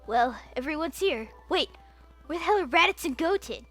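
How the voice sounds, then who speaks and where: A woman voicing a high-strung, exasperated male stage director who scolds his cast. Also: takes it slowly, a bit bright, soft background music. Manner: frazzled, scolding.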